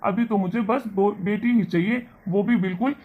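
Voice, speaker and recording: A man voicing a kind, earnest young husband and son in an animated family story. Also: high-pitched, normal speed, phone-quality sound. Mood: pleading. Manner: earnest, persuasive.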